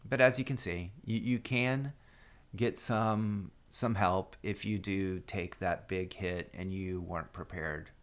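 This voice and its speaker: A man's voice: low voice, fairly even intonation, slow, clean tone. A man casually talking through a mobile strategy game guide as a screen-recorded voice-over, loose and full of fillers and restarts.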